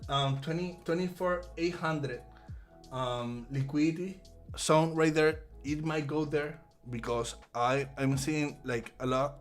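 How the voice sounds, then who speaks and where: A man from Puerto Rico with a Puerto Rican accent, giving casual live trading commentary and often repeating words as he thinks aloud. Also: a little high. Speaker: trader hosting a live trading stream.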